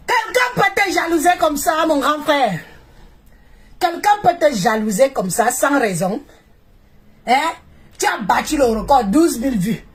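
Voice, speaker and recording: A woman from Cameroon hosting a live stream, chanting praise in repetitive, exclamatory bursts. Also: high voice. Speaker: social media live streamer. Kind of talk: live stream hype and commentary.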